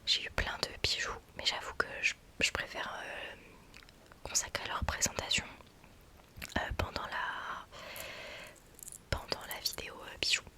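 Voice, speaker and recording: A woman whispering casual ASMR chat very close to the mic, right in the listener's ear, in an informal, excitable, self-deprecating way. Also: unhurried, long pauses. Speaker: ASMR content creator. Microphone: close budget USB microphone with pop filter.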